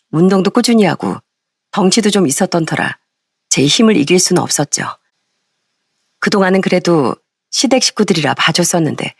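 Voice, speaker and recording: A woman narrating a first-person story in a lively, indignant tone. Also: lowish voice, breathy edge, no room sound, clean studio sound.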